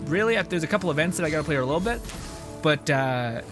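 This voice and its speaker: This young man streams games, delivering fast, animated commentary in a slightly high voice. His live talk is casual, joking and full of swearing as he chats with viewers, with background music behind him.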